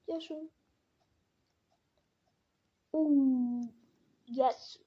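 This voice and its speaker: A woman's voice: high-pitched, fairly even intonation, warm tone, breathy edge, muffled recording. A woman giving casual gameplay commentary, talking to herself and the game and exclaiming often. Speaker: gamer.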